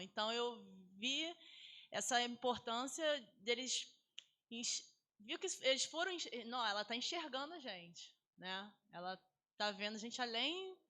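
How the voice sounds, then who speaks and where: A woman teacher speaking in an interview, telling about her pupils and acting out their lines as she goes. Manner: animated, acts out pupils' lines in a higher voice. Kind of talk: interview, casual recollection.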